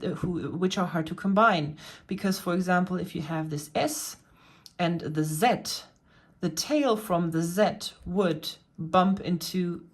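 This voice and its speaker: A woman vlogger patiently explaining and pointing things out in a casual show-and-tell about her cross-stitch hobby. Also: fairly low pitch.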